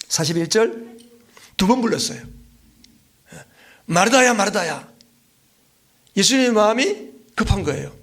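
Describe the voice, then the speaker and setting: A man preaching an evening worship sermon as a guest pastor. He retells the story vividly and poses rhetorical questions, pausing often on thinking fillers. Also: high-pitched, fairly bright tone. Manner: frequent thinking fillers between phrases.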